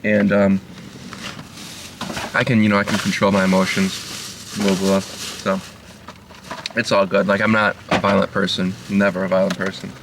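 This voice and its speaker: A man rambling in a low-key, halting way with many fillers while driving, recorded a little away from the mic in a car. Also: flat delivery, creaky, distant mic, noisy background. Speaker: vlogger. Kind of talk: rambling casual monologue. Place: inside a moving car.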